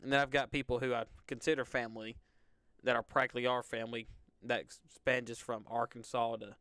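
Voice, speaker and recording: A man's voice: mid-range voice, little pitch movement, brisk, a bit bright, smooth, dry recording. A young man from Alabama, hosting live weather coverage in a casual, rambling way with lots of fillers. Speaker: weather stream host.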